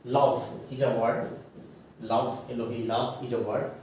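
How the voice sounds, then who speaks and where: Male lecturer, unhurried, mellow tone, heard from a distance with faint background noise. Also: mid-range voice, fairly even intonation. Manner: slow, halting, many fillers and self-corrections, spells words out. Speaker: college English teacher. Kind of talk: classroom grammar lecture. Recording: echoey room, mic far off, faint noise.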